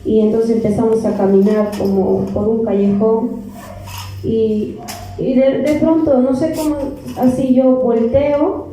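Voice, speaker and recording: A woman's voice: fairly high pitch, steady tone, unhurried, dark tone, faint music behind. A woman with a Peruvian accent giving an earnest testimony to a church congregation, repeating words as she goes. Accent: Peruvian Spanish. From Peru. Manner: earnest, repeats words, addresses listeners as beloved brethren. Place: church hall. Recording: echoey church from far off.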